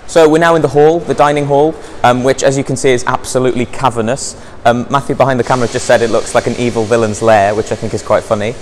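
Touring his college campus both outside and through indoor halls, a young Welshman from North Wales works as an outreach officer and talks upbeat and chatty into a lapel mic, full of ums and likes. He speaks quickly with hardly any pauses, in a medium-pitched, fairly even voice, with faint music behind him.

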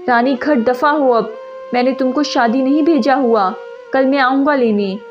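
A woman voicing an angry, abusive young husband who shouts harshly, in a dull lo-fi recording over music. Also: high voice, moderate pace, natural voice. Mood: cold.

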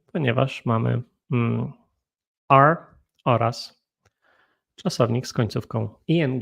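A Polish man with a Polish accent teaching an English grammar lesson, talking slowly and thinking aloud while feeling unwell. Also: medium pitch, gravelly. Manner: slow, thinking aloud with frequent hums. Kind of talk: solo grammar and pronunciation lesson.

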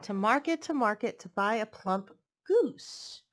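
In an indoor living room, a thirty-something librarian reads picture books to kids through a headset mic with a playful, sing-song lilt. Her fairly high voice is expressive and unhurried, and there's slight background noise.

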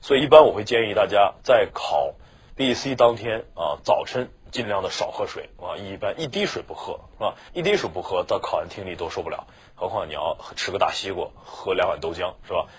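A man's voice: sits low, expressive, brisk, slightly rough. A male teacher giving a chatty exam-prep lecture, often checking with his students for agreement. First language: Mandarin Chinese. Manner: chatty, keeps asking "是吧" for agreement.

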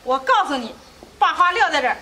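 An actress playing a harsh, quick-tempered mother-in-law who scolds with rapid-fire questions. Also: high voice, big pitch swings, pushed and bright, heavily acted. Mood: scolding.

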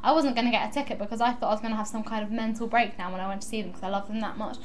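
A young woman vlogging to her camera, rambling excitedly and giggling as she chats. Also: medium pitch, rapid-fire. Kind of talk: casual chatty vlog.

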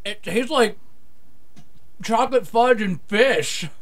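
A man on a morning radio show, blindfolded and tasting food, talking through a mouth full of chocolate in halting, murmured reactions. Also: sits high, animated, fairly bright tone. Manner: murmured, halting, savoring each bite. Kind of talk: casual on-air reactions.

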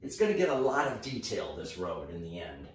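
A middle-aged mural painter with a low voice presents a casual painting tutorial in an indoor room, working at a wall. He's relaxed and halting, thinking aloud as he paints. The room echoes, the mic is distant, and there's faint noise.

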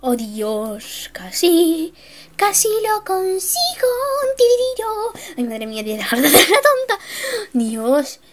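A young woman giving excitable, self-mocking gameplay commentary, swinging between shrieks and mutters. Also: sits high, slow. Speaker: gaming youtuber.

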